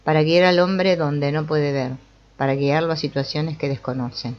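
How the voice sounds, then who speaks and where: A woman's voice: deep voice, fairly even intonation, moderate pace, dull audio, close to an everyday voice. A woman reading the lines of a refined, mysterious woman in a brothel, asking grave, searching questions.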